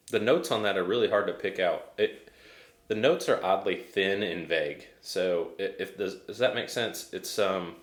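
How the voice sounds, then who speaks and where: A man's voice: deep voice, fairly bright tone, reverberant. An American man chatting casually as he reviews a tasting, hesitant and thinking aloud. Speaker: whiskey reviewer.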